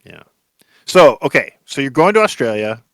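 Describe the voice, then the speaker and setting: A man's voice: medium pitch, sing-song, normal speed. A man co-hosting a podcast, easygoing and laid-back in casual chat, asking curious questions. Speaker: podcast co-host.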